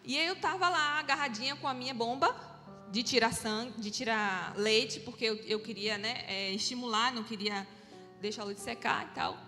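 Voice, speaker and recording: A woman shares her testimony before a church, lively in the telling and playing out each exchange. Her voice sits a little high, and it carries through a long hall reverb with faint music underneath. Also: normal speed. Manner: storytelling, animated, acts out her own dialogue. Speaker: church member giving testimony.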